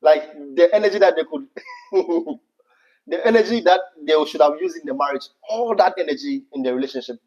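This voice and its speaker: Higher-voiced Ghanaian man, slightly dull recording. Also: animated, a little fast, darkish tone. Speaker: host answering viewer questions. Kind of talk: casual advice chat.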